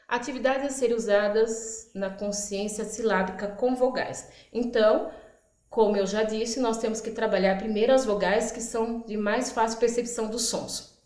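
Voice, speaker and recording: A woman teacher with a fairly high voice walks through literacy activities step by step. She stretches words out slowly to show how they break into sounds, then voices her prompts to the children. The recording has a noticeable room echo. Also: fairly even intonation, a little mellow. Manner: stretches out words for demonstration, acts out classroom prompts. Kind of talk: instructional explainer.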